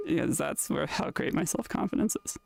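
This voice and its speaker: A live streamer with a sick, rough-sounding voice, chatting casually and rambling to viewers, often trailing off into fillers. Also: mid-range voice, expressive, fairly quick, no echo. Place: at home in a VR play space.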